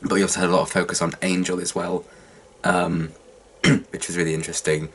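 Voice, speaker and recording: A young man chatting casually to viewers as a reaction vlogger, husky and congested with a cold and sore throat, sounding worn out and hungover. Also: low-pitched, flat delivery, brisk. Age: young adult.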